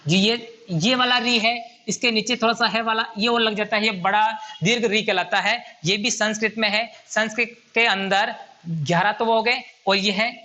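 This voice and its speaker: A man's voice: high voice, steady tone, moderate pace, pushed and bright. A man teaching a grammar lesson at a whiteboard, patiently repeating and counting items aloud.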